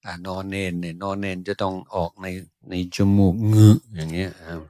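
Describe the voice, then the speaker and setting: A Buddhist monk answering questions in a Dhamma talk, thoughtful and unhurried, pausing often with drawn-out "ah" sounds. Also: male voice, deep voice, little pitch movement, darkish tone, dry recording. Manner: slow, thoughtful, many drawn-out "ah" pauses.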